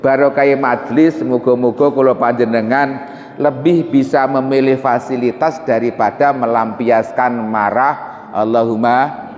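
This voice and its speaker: A man's voice: medium pitch, fairly even intonation, a little slow, darkish tone. A man with a Javanese accent teaching a mosque study session, talking conversationally, asking the congregation questions and mixing in Javanese and Arabic phrases. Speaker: religious teacher. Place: mosque hall. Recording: echoey hall with long reverb.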